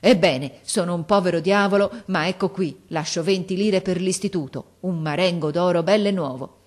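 An emotional, exclamatory father of humble means bursts with gratitude, as a woman reading the story voices him. His lines come out raised and loud, full of fervor. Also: fairly low pitch, moderate pace, lightly acted. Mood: stubborn, insistent. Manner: effusive and exclamatory. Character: poor, emotional, grateful working-class father, a gardener.

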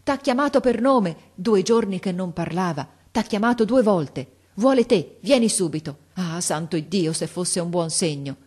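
A woman's voice: sits low, fairly even intonation, normal speed, few pauses, a little mellow, breathy edge. A woman voicing a grieving working-class father, a mason, who pleads and cries out in anguish. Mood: frantic.

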